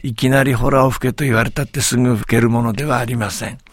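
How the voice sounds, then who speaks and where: A man's voice: mid-range voice, fairly even intonation, fast talker, dry recording, lightly acted. A man voicing a sly, boastful village tall-tale teller who speaks with humble, servile politeness. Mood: sly, polite.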